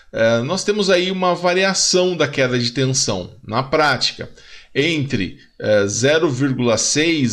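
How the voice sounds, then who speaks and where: A man's voice: mid-range voice, fairly bright tone. Hesitant Brazilian man teaching electronics. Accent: Brazilian Portuguese. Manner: hesitant, many fillers and restarts, checks in with "tá?". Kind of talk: recorded video lesson.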